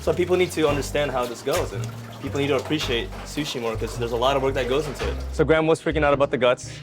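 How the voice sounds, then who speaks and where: A man's voice: medium pitch, very fast, over music. A man from the Philippines, an executive chef, coaching a beginner through cleaning fish in a direct, teasing way in a restaurant kitchen. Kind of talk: casual instruction.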